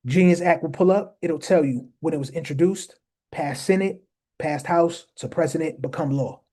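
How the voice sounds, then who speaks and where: A man's voice: fairly high pitch, moderate pace, dark tone, husky. A man hosting a casual explainer talk, speaking emphatically to his viewers and often repeating phrases for stress. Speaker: host.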